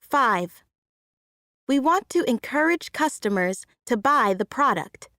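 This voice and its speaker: A woman reading numbered example sentences in a measured way for a listening exercise. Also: high-pitched, lively intonation, bright, forceful tone, dry recording, studio quality. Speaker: sentence reader.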